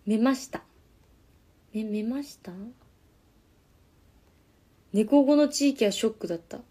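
Fairly high-pitched yet dark in tone, a young woman talks slowly and casually on her live stream, reading viewer comments aloud between karaoke songs. She's in the corner room of her apartment and keeps quiet so the neighbours don't complain.

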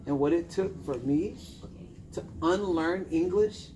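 Seated with a small group in an indoor lounge, a thirty-something personal development coach delivers informal motivational coaching in a slightly high, slightly slow voice. His style is emphatic and directive, built on short commands and questions. Ambient hum fills the noisy room.

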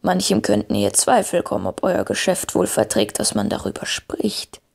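A woman voicing an old male wizard who speaks slowly and gravely, calm and wise. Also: fairly low pitch, exaggerated voice. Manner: slow, grave, measured speech.

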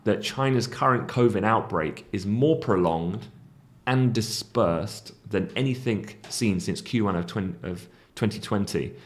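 A man in his thirties, a market analyst, giving a conversational news briefing on markets from a small room, talking briskly with frequent fillers. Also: fairly low pitch.

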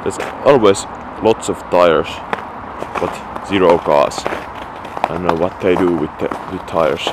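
A deep-voiced man with a Finnish accent picks his way through an abandoned house, speaking English slowly and haltingly. His words come in stops and restarts as he thinks aloud. The handheld recording carries steady background noise. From Finland. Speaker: urban explorer. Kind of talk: casual exploration vlog. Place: abandoned house and garage, indoors. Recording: noisy handheld field recording.

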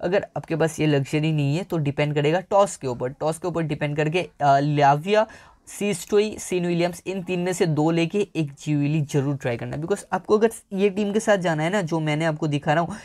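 A man's voice: fairly high pitch, normal speed, darkish tone. A man chatting casually to viewers, giving fantasy cricket team advice with frequent fillers, recorded on a home mic. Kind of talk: casual analysis talk to viewers.

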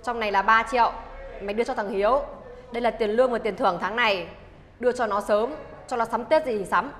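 A woman's voice: a little high, fast, a bit bright, natural voice. A woman playing a firm, scolding boss. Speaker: shop's boss. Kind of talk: comedy sketch acting. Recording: echoey room with crowd noise.

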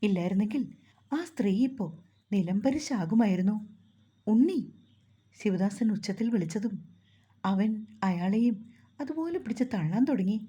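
A woman narrating a dramatic family story in a steady storytelling manner. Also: medium pitch, moderate pace, pauses often, slightly rough.

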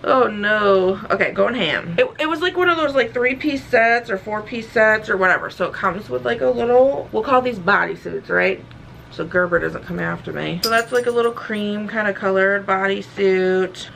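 A woman's voice: mid-range voice, normal speed, vocal fry, a bit bright, slight background noise. A young woman vlogging at home, chatting casually and rambling with lots of fillers, a little out of breath. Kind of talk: casual chat.

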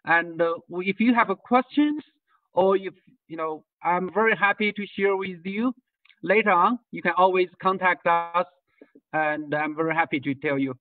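High-voiced man from Tibet on a tinny call. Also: moderate pace, no room sound, distant mic. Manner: hesitant, many fillers and restarts. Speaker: guest speaker on birding tours. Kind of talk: online lecture. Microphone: video call. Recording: tinny video call audio, set back from the mic.

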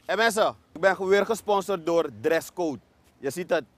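Plagerige Surinaamse talkshowpresentator. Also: male voice, high voice, moderate pace, no echo. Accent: Surinamese Dutch. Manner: teasing, playful questioning. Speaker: talk show host. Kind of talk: casual couch interview.

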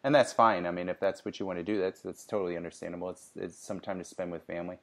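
A man's voice: low-pitched, fairly even intonation, fast, creaky. A man co-hosting a casual sales podcast, giving upbeat coaching advice with frequent restarts. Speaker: podcast co-host.

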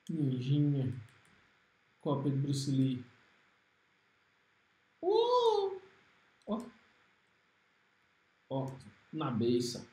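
A man with a Brazilian Portuguese accent giving excitable, trash-talking commentary while streaming a fighting game. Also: mid-range voice, echoey room. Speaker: gaming streamer. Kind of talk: live gameplay commentary.

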